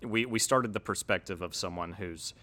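A man's voice: low-pitched, moderate pace, sharp tone. A man in his twenties, a video essay creator, chatting casually as a podcast guest, ranting and retelling scenes with quoted voices.

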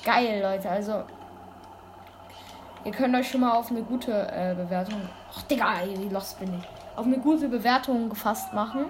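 A woman giving casual gameplay commentary, excitable and full of youthful slang, breaking into sudden loud exclamations. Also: medium pitch, normal speed. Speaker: let's play gamer. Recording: constant background noise.

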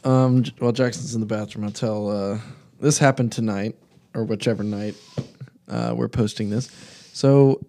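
A man's voice: lowish voice, fairly even intonation, normal speed, vocal fry, dark tone. A young man co-hosting a podcast, chatting casually and joking, telling rambling stories full of fillers. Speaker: podcast co-host. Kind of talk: casual chat.

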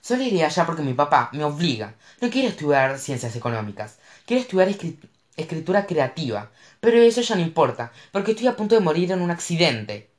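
A narrator voicing an anxious, dramatic teenage girl who wants to be a writer, with shrill, panicky outbursts. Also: sing-song, brisk. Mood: panicked, shouting. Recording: roomy echo.

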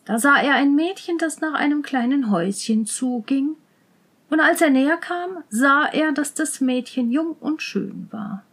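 A woman reading a fairy tale aloud in a measured, gentle manner. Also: sits high. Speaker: storyteller.

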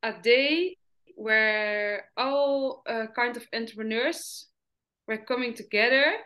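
A woman hosting a podcast asks interview questions in English as a second language, speaking slowly and hesitantly with many ums and uhs. Her pitch is fairly high and her tone sharp.

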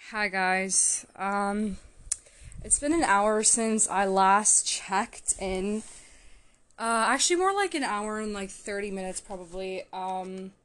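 A young woman chats casually in a reaction vlog, gushing and excitable and full of filler words. Her pitch sits in an ordinary middle range. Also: slow, smooth. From Canada. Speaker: vlogger reacting to a TV series.

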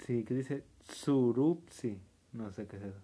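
A man's voice: fairly low pitch, fast talker, mellow, husky. A man casually asking for words in another language and repeating each one back, with a questioning manner. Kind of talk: casual word elicitation.

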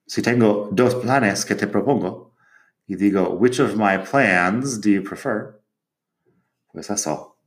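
A man teaching grammar in Spanish to learners, repeating each example sentence slowly and clearly. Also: fairly low pitch. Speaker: English teacher. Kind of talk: language lesson explaining grammar.

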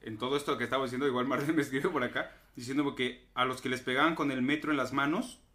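A Mexican man chatting casually among friends, swearing freely and throwing in quick asides. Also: medium pitch, fairly even intonation, sharp tone. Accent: Mexican Spanish. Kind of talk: casual chat.

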